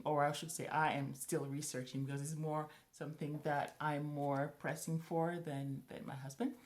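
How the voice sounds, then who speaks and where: Woman, thirties, low voice, casual vlog talk, restarts. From Morocco. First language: French. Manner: chatty, thinking aloud with restarts. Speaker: vlogger.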